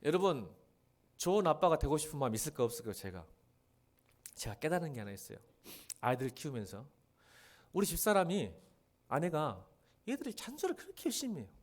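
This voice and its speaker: A middle-aged man preaching a sermon as pastor, acting out quoted voices and swinging between loud emphasis and quiet asides. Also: on the high side, big pitch swings, fairly quick, long pauses.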